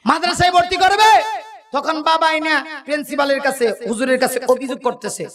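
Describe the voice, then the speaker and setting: A middle-aged man preaching a waz sermon with drama, swinging between shouts and low asides and mimicking regional dialects. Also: a little fast. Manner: acts out regional dialects for the crowd.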